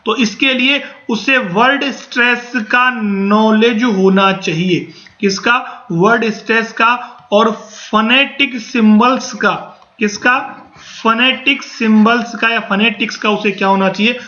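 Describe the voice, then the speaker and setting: High, bright-voiced male teacher. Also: slow pace, dull audio. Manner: asks and answers his own questions. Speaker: English teacher. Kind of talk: exam-prep lecture.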